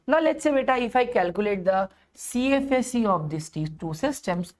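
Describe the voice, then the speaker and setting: A woman's voice: fairly high pitch, expressive, normal speed, darkish tone. A woman with an Indian accent giving an instructional chemistry lesson, mixing Hindi phrases into English and repeating phrases and rhetorical questions for emphasis. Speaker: chemistry teacher.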